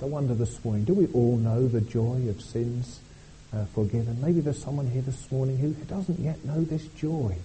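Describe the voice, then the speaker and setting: A man's voice: medium pitch, warm tone, slight background noise, low-quality recording. A man preaching a sermon at a church service, speaking earnestly and often repeating words as he goes. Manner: earnest, halting delivery with frequent repeated words.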